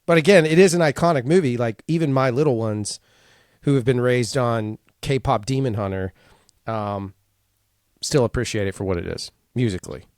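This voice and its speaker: A man co-hosting a podcast in casual chat, halting and self-deprecating, often laughing. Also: medium pitch, darkish tone, dry recording, clean studio sound. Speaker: podcast co-host.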